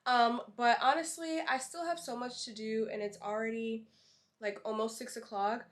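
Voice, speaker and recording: A model and vlogger in her twenties from North Carolina chats casually to a handheld compact camera in her apartment and on city streets. Her voice is a little high with fairly even intonation and a moderate pace, upbeat and full of fillers, though congested and slightly nasal from a cold.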